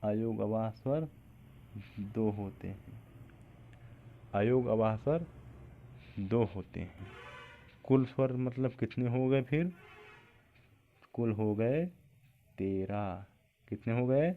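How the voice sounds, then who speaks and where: Guy teaching a grammar class real slow, lowish voice, sounds like it's coming through a phone. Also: phone-quality sound, a little hiss or hum. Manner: asks the class questions and answers them himself, repeating key points. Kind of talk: exam-prep Hindi grammar lesson.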